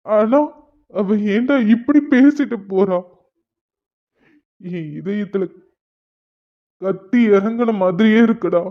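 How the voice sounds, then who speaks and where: A man voices a heartbroken, lovesick young man in a cartoon drama, weeping as he pleads in slow, broken, tearful speech. His voice is high-pitched, and the recording has a dull lo-fi sound.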